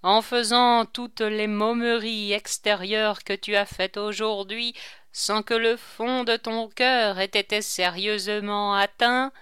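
A woman's voice: medium pitch, steady tone, takes it slowly, fairly bright tone, clean tone, no room sound, studio quality. A woman reading aloud and voicing a hollow, hissing voice that poses as God, solemn and accusing.

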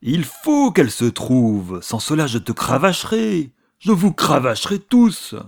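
A man's voice: on the high side, wildly swooping pitch, measured pace, creaky, dry recording, studio quality, exaggerated voice. A man voicing a hot-tempered hussar officer, reading dialogue for an audiobook. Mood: furious. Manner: bursts into loud angry outbursts.

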